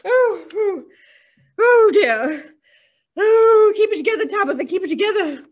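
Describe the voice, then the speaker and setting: A woman's voice: extremely high pitch, lively intonation, measured pace. An actor playing a frail, flustered older English woman stand-up comic with an English accent, who quavers, sounds breathless and keeps giggling at her own jokes. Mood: dithering. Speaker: stand-up comedian. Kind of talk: comedy sketch character.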